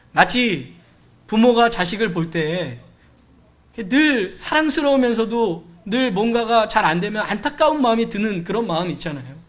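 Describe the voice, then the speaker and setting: A man's voice: very high-pitched, fairly bright tone. A man preaching a sermon in church, talking to the congregation in a conversational way and acting out the cries and dialogue of the people in his story. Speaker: pastor. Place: church sanctuary.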